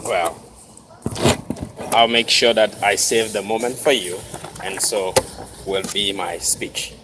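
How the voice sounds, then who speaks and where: A man from Togo with a Togolese accent gives a formal commencement speech with personal storytelling, speaking deliberately in short, separated phrases. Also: fairly low pitch, fairly even intonation. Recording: noisy, reverberant large hall ambience.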